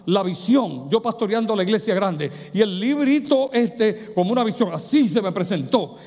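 A middle-aged man preaching a testimony sermon in a church, telling his story with swings from loud to hushed. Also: high voice, animated, moderate pace. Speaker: pastor. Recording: reverberant church hall.

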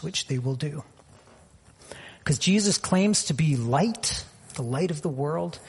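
A man's voice: fairly high pitch, husky. A man preaching a sermon as pastor, telling personal stories in a reflective way with frequent fillers.

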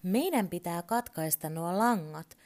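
A woman voicing a gentle, caring little toy bear in a storybook reading. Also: fairly low pitch, lively intonation, close to an everyday voice.

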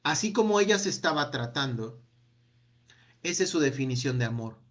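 A man leading a self-help workshop, asking a long run of gentle reflective questions that trail off with a quiet "no?". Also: medium pitch, lively intonation, a little fast. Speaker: workshop speaker.

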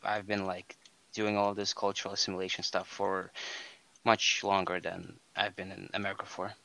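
Deep, creaky, yet bright and forceful, the voice belongs to a young man from Estonia co-hosting a podcast. He chats casually at normal speed in a level tone, wandering off track, using lots of fillers, and fixing his sentences midway, all on poor audio.

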